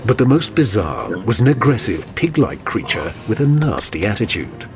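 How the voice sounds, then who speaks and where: A man's voice: fairly low pitch, very animated, moderate pace, over music. A man reading scripted documentary narration in a dramatic manner.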